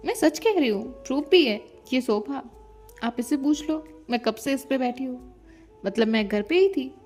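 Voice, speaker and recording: A woman's voice: sits high, animated, normal speed, a little mellow, soft background music. A woman voicing a playful, teasing young woman who makes jokey excuses and stammers when caught, in an audio love story. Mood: cheeky.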